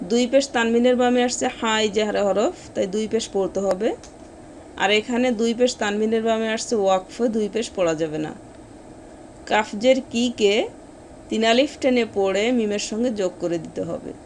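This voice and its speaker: A woman teaching Quran reading, explaining pronunciation rules and then reciting each word slowly and drawn out. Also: fairly high pitch, darkish tone, a little hiss or hum. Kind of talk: step-by-step recitation lesson.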